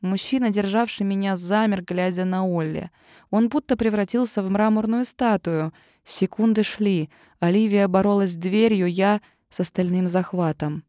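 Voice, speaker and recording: A woman's voice: mid-range voice, fairly even intonation, normal speed, warm tone, dry recording, clean studio sound. Woman narrating a fantasy audiobook. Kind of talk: first-person fantasy narration.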